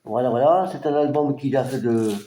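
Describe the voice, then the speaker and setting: A man from France casually presenting his record collection, halting and hesitant, with many fillers. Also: medium pitch, dark tone, roomy sound, a little hiss or hum. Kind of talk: casual collection show-and-tell.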